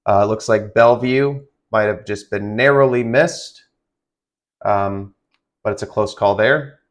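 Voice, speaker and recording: A man doing live severe weather commentary, halting and improvised, giving urgent and direct warnings to listeners. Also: fairly low pitch. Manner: halting, improvised phrasing with repeated restarts. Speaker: live-stream weather broadcaster.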